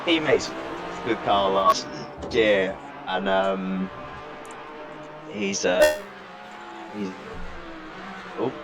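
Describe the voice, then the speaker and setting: A man talking over an internet call that keeps breaking up and dropping out, halting and repeating words as the line cuts. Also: low-pitched, sing-song, creaky, loud music behind the voice. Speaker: sim racing driver on a remote call. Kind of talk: live race commentary chat. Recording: noisy, choppy internet call audio.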